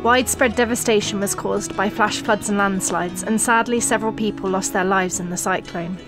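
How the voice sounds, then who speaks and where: A woman giving calm, measured scripted voice-over narration. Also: medium pitch, music in the background.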